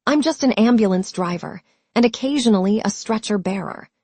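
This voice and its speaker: A woman's voice: medium pitch, lively intonation, brisk, darkish tone, husky, dry recording. A woman narrator voicing a tired, wounded young soldier who speaks wearily with a touch of dry humor, in a dry, close recording. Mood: weary.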